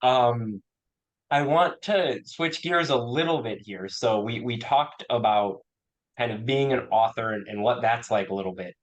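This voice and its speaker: A man's voice: mid-range voice, a little slow, dull audio. Podcast host, man: easygoing, slightly hesitant interviewer in a casual chat. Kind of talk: casual interview on a video call.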